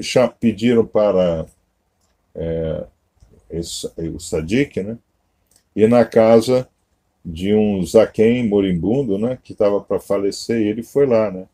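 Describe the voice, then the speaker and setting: A man's voice: on the low side, a little slow, dark tone. A Brazilian man giving a conversational teaching sermon, tagging almost every phrase with a questioning aside. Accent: Brazilian Portuguese. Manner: conversational, constant "né?" and "tá?" tags. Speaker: Masonic-Kabbalistic teacher.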